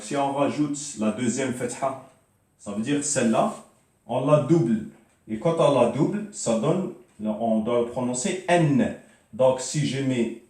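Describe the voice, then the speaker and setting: A man's voice: mid-range voice, a little mellow. A man teaching an Arabic reading lesson, drilling syllables one by one with many fillers and repeats. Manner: slow, repetitive drilling of syllables, frequent "donc" and "euh". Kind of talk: classroom lesson. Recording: very echoey room, mic at a distance.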